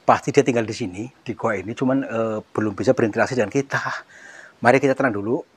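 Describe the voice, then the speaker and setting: A man on a cave exploration vlog, talking in a hushed, nervous way and muttering prayers. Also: mid-range voice, quick pace, breathy edge.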